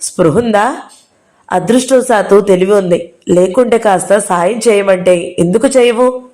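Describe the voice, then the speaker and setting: A woman's voice: medium pitch, normal speed, mellow, lightly acted. A woman voicing a bitter, furious young woman who talks in a scornful, defiant way in an audio novel.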